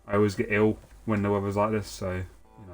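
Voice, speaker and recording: A young gaming streamer with a cold rambles through a casual let's-play, full of fillers and restarts as he plays a video game. His voice is fairly low and darkish, level in tone and fairly quick. Soft music plays in the background.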